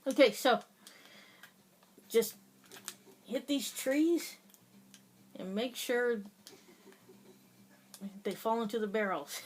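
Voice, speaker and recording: A woman's voice: fairly high pitch, takes it slowly, pauses often, slight background noise. A woman giving casual, chatty commentary over her gameplay, laughing often and hesitating with many fillers. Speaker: gaming video host.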